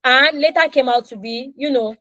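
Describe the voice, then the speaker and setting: An animated Nigerian teacher in her thirties, a native Yoruba speaker, acts out playful example dialogues with students during an online English class. She speaks at a moderate pace in a high-sitting voice. The audio has no echo, but its high frequencies are cut off.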